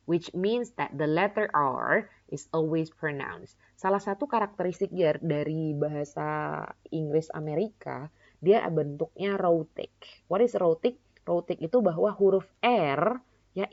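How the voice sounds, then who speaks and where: A young woman from Indonesia teaching an English pronunciation lesson, mixing two languages and asking herself questions. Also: low voice. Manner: explains in two languages, asks and answers her own questions, many "ya kan" tags. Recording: dull lo-fi recording.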